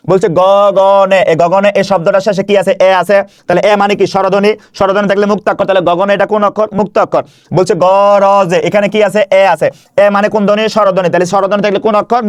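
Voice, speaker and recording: Rapid-fire man teaching grammar. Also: high-pitched, no room sound, clean studio sound. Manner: repetitive question-and-answer drilling. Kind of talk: online video lesson. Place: indoor room.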